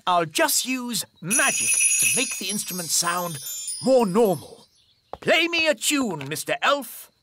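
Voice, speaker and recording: A man's voice: sits high, very animated, measured pace, sharp tone, slight background noise, full character voice. A man with a British accent voicing a jovial, self-assured fairy king in a cartoon. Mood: confident. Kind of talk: cartoon voice acting.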